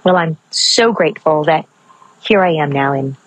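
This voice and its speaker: Husky-voiced older woman, slow and expressive. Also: low-pitched, low-quality recording. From Maryland. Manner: expressive, stretches key words slowly and speeds through asides. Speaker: podcast host. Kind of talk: reflective solo podcast monologue. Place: outdoors.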